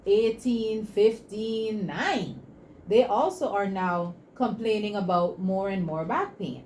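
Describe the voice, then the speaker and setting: A woman's voice: medium pitch, slow pace, a little mellow, slight background noise. A woman from Aruba and Saint Martin with a Caribbean accent, speaking as an interview guest in an emphatic, motivational, promotional way. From Caribbean, born on Aruba, raised mostly on Saint Martin. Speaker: guest, entrepreneur presenting an invention. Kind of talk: interview talk with a promotional pitch.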